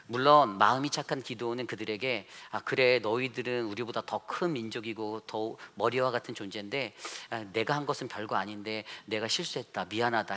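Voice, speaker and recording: A pastor delivers a Sunday sermon in a church sanctuary. His voice is bright and forceful, with a middle pitch. He preaches in an animated way, asks rhetorical questions and acts out quotes.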